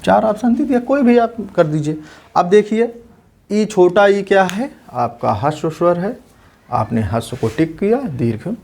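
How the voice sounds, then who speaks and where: A male teacher giving an exam-prep lesson, explaining patiently and repeating definitions slowly so students can write them down. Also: high voice, very animated, vocal fry, a little mellow.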